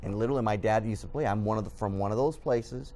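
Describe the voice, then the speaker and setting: A middle-aged news editor from Southern California, a native Spanish speaker, talks earnestly as a guest in a studio TV interview, using lots of fillers. His voice is lowish and warm, and he speaks quickly.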